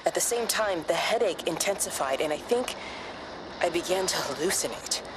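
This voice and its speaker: Troubled scientist voiced by a woman, breathy and distant, heavy hiss on the radio recording. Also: lowish voice, lively intonation, normal speed, lightly acted. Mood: hushed. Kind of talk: video game audio log.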